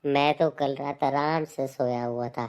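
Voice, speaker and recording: With a clear, resonant voice of medium pitch, a comedy joke channel host works through jokes and comic sketches, handling the narration and dialogue like a jokey storyteller. His intonation stays fairly even and his pace measured.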